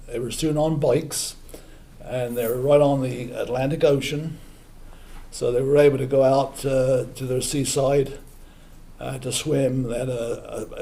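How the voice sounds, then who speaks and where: An older man from England with an English accent, telling a true story at a live event, halting with many fillers and chatty asides to the audience. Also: mid-range voice, mellow. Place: small museum event room.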